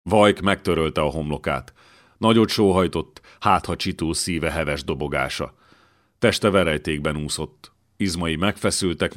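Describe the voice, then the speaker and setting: Man, audiobook narrator, very deep voice, dramatic storytelling, hushed at tense moments.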